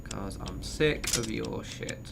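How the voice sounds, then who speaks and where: A man's voice: lowish voice, expressive, slow pace, creaky, heavy background noise. A man with a modern British Received Pronunciation accent, giving chatty, sweary, bantering commentary as he streams a game. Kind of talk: casual gameplay commentary.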